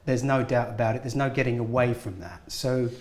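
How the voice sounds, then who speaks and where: Male guest actor, mid-pitched, earnest and encouraging, recorded in an echoey room. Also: a little fast, a little mellow. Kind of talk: casual interview talk. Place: film studio at a school event.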